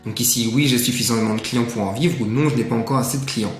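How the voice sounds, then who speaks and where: A man casually walking the viewer through a software tutorial, chatty and full of filler sounds. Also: medium pitch, fast talker. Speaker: tutorial presenter. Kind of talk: casual screen-share tutorial. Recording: echoey room, faint music.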